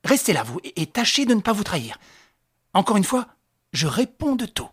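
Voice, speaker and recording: A reader with a husky voice voicing a young gentleman who gives firm, clipped orders in an audiobook. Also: medium pitch, sing-song, normal speed, pitched above the performer's own voice. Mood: commanding. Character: young gentleman, calm and commanding.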